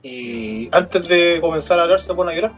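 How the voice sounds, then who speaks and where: High-voiced man telling crude stories. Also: expressive, normal speed, a bit bright, faint music behind. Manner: crude, slangy anecdote telling. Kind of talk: casual comic storytelling.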